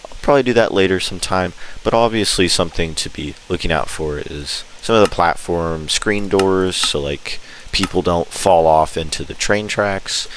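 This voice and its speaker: Deep-voiced man narrating casual gameplay. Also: moderate pace, a bit bright, rough recording. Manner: enthusiastic, informal. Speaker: video host. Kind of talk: casual gameplay walkthrough commentary. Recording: clear background noise.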